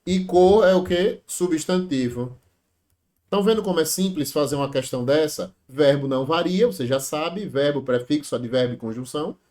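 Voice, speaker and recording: A man with a Brazilian accent teaching a grammar review for exam prep, chatty and lively, peppering his explanation with rhetorical questions to the viewers. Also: fairly high pitch, normal speed. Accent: Brazilian Portuguese.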